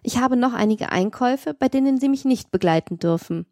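A proud young lady with a sharp, commanding edge, as a woman reads her in an audiobook. Her tone is warm and mellow, heard close and dry. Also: a little high, animated, brisk, no echo. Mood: imperious. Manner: sharp, imperious speech. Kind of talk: audiobook reading.

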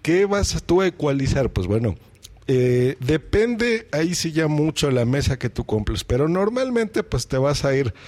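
A man's voice: fairly high pitch, big pitch swings, a little slow, a little mellow. Man explaining mixer settings. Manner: explaining step by step while demonstrating. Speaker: podcast host. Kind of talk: how-to tutorial. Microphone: microphone through a mixing desk.

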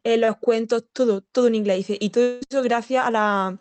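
A woman researcher as an interview guest, reporting what others told her in a steady flow. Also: a little high. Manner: reports others' views in a level, rapid flow. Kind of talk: conversational interview.

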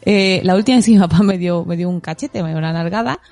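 A middle-aged woman from Mexico, co-hosting a casual podcast chat and telling lively stories with frequent laughs. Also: lowish voice, fast talker, dry recording. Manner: animated storyteller, laughs often. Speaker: podcast co-host.

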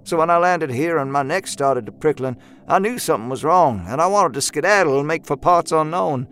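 A man voicing a young, rough-spoken country man with a folksy slang drawl, eager and haunted, in an audiobook. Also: fairly high pitch, animated, fairly quick, fairly bright tone, slight background noise, voice pushed up. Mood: earnest. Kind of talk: audiobook character voice.

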